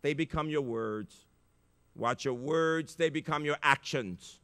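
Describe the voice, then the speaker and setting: An older man giving an inspirational keynote speech at a conference, telling stories with big emotional swings in loudness. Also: a little high, a little slow. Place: large conference auditorium. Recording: reverberant conference hall.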